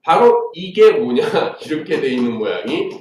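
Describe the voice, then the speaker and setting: A man's voice: on the high side, sing-song, normal speed, darkish tone. A man teaching math to children, telling playful stories and asking lots of questions. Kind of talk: classroom lesson for children. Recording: echoey room, distant mic, faint noise.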